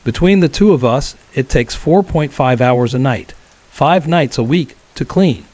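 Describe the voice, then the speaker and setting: A man telling a true horror story as scripted narration, in a calm, measured way. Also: medium pitch, no echo.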